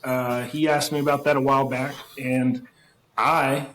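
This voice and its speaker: A man's voice: mid-range voice, little pitch movement, a little slow, a bit bright. Rambling man in an echoey room. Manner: rambling, easygoing, many fillers. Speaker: podcast guest. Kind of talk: casual chat.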